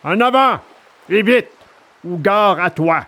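A man's voice: high-pitched, expressive, takes it slowly, sharp tone, heavily acted. A man doing a curt, stern gendarme. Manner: curt, military commands. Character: stern adult male gendarme.

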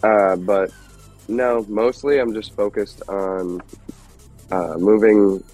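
Slow and steady, with a lowish, darkish voice, a thirtysomething guest musician from Detroit chats in a laid-back way. He wanders through his stories with plenty of fillers, while faint music plays behind in a low-quality recording.

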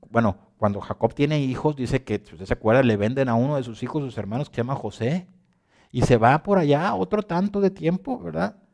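A man preaching a sermon, reading scripture aloud and repeating phrases as he swings between quiet and loud passages. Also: medium pitch.

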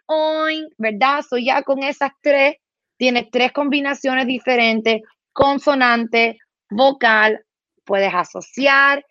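A woman's voice: on the high side, a bit bright, dry recording, highs cut off. A woman speech therapist explaining simple activities, slipping English words into her Spanish and imitating animal sounds. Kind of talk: explaining to a host.

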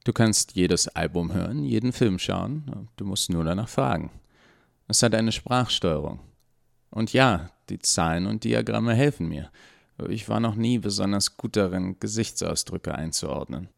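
A man's voice: fairly low pitch, expressive, a little slow, vocal fry, no room sound, clean studio sound, exaggerated voice. A man playing an awkward, evasive male research doctor who hesitates with many ums.

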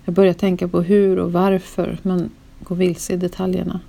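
A woman slowly reading a first-person memoir in a solemn, grief-laden narration. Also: on the low side, monotone, vocal fry, dark tone.

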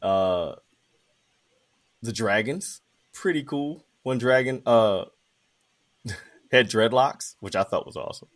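Man, podcast host, medium pitch, casual chat, informal slangy phrasing. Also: takes it slowly, pauses often.

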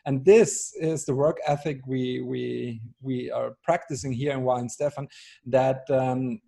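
A brewery ambassador in his thirties from Austria appears as a guest in a casual video-call interview, speaking English with an Austrian German accent. He's hesitant, full of fillers and restarts, with a dry sense of humor. His voice sits at medium pitch, fairly even and measured, dark in tone with vocal fry and a breathy edge.

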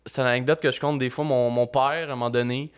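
A man with a Québécois accent hosting a podcast, chatting casually and telling animated stories with frequent laughs. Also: medium pitch, quick pace. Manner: animated storyteller, laughs often. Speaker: podcast host. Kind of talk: casual chat.

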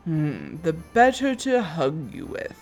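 A woman voicing a sly, hungry male wolf who talks low, slow and coaxing. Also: huge pitch swings, darkish tone, soft background music, full character voice. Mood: menacing.

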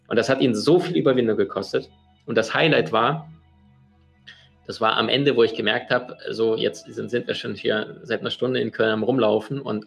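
Male storyteller, coach type, gravelly mid-range voice, animated anecdote delivery with faint music underneath. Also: on the low side. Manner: lively storyteller who acts out the people he quotes.

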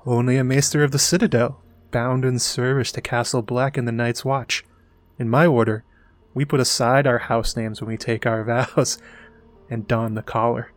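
A man's voice: mid-range voice, steady tone, no echo, close to an everyday voice. A man reading as Maester Aemon, weary and ancient. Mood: solemn. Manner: slow, grave, sorrowful delivery. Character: ancient blind frail old male maester, weary.

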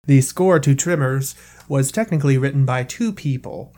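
A man's voice: medium pitch, moderate pace, mellow. A man co-hosting a podcast, explaining film music in a casual, filler-heavy way with some swearing. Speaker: podcast co-host.

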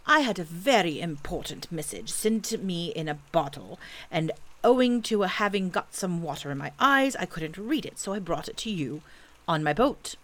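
A growly male toy bear from a gentle storybook, performed by a woman reader. He sounds simple, earnest and ponderous, and his pitch wanders in an animated way. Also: normal speed. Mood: proud.

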